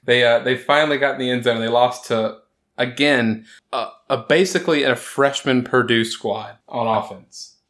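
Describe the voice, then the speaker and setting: A man hosts a laid-back sports talk with friends. He jokes his way through the week's scores, sarcastic and quick to laugh. His voice sits at an ordinary middle pitch. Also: a bit bright. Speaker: podcast host. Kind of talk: casual sports chat.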